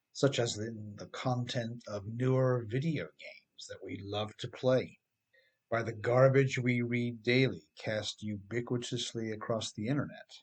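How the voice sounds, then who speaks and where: A middle-aged author reads his own scripted motivational writing, phrasing it emphatically and deliberately. His voice is medium in pitch.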